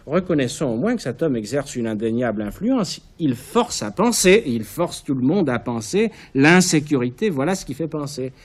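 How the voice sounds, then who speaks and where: Guy reading a calm clever roman plotter, thinking out loud, steady. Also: mid-range voice, moderate pace, close to an everyday voice. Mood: reasoning. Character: cool, reasoning male conspirator. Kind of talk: author reading his play aloud.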